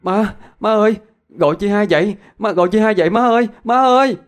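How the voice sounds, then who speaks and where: A man voicing a pleading little ghost child. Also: a little fast. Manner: high, pleading, urgent.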